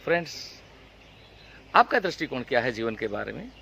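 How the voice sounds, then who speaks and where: Bright-voiced earnest spiritual teacher man. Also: medium pitch, big pitch swings, normal speed, gravelly, slight background noise. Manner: earnest, persuasive, often addresses listeners as friends. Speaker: spiritual teacher leading retreats. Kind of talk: motivational talk with storytelling.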